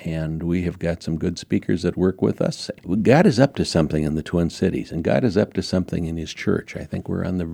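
A man, a pastor, talks with folksy, emphatic fervor in a deep, gravelly voice. The recording is dry and close, with no room sound around him. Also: mellow, no echo. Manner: folksy, emphatic, builds to rousing exhortation. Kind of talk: podcast conversation with preaching fervor.

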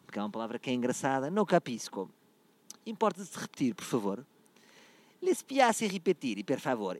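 A man's voice: mid-range voice, dry recording. A man from Portugal with a European Portuguese accent, hosting a comic podcast and playfully reading phrases in a mock-Italian voice. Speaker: podcast host. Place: out and about, travelling.

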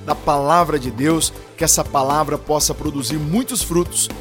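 A man's voice: on the high side, steady tone, moderate pace, fairly bright tone. A man preaching and leading prayer as a pastor, urging the congregation with fervent, repetitive exhortation. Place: church sanctuary. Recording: long church-hall reverb with faint music.

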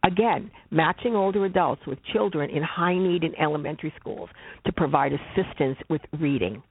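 A social worker giving a slide presentation in a measured, deliberate way, stressing key words by repeating them. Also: medium pitch, animated, vocal fry, slightly rough, dry recording. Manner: measured, deliberate, emphatic repetitions. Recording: phone-like narrow band.

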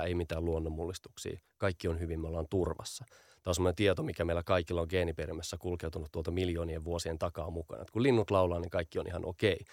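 A man with a very low, gravelly voice explains his field as a podcast guest. He talks in a steady explanatory way and often repeats small fillers as he gathers his thoughts. The sound is close and dry. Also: dry recording. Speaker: guest, audio branding expert.

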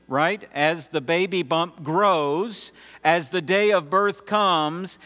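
Slow-preaching pastor in a reverberant sanctuary. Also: male voice, on the high side, fairly bright tone. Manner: measured preaching with emphatic pauses. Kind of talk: sermon. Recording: long reverb with mains hum.

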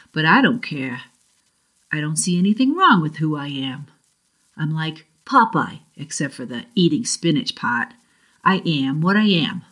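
A woman from Boston's South Shore, with a Boston accent and a low voice, reads aloud her own first-person short story. Her delivery is measured and deliberate.

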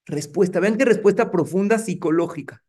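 A middle-aged man, a rabbi giving a lively sermon and putting rhetorical questions to his congregation. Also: high voice, brisk. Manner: engaging, asks the audience rhetorical questions.

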